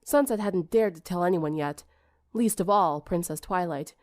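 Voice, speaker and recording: Reading scripted fiction as an audiobook narrator, this woman speaks at an ordinary speed with a lowish, somewhat dark voice. It's a dry, clean studio recording.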